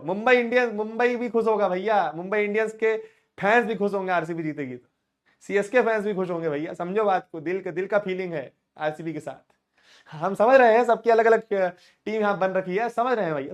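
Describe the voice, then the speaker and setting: High-voiced chatty male math teacher. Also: fairly quick, lo-fi sound. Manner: chatty and teasing, banters with students and answers chat questions; coaxing, repeats questions to drill students. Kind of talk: live online math class.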